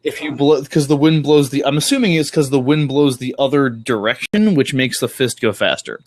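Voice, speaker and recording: A man with a mid-range voice chats casually and enthusiastically at a moderate pace, rambling through recaps in a sweary, informal way. He's a podcast host or guest discussing comics, and the recording has no echo.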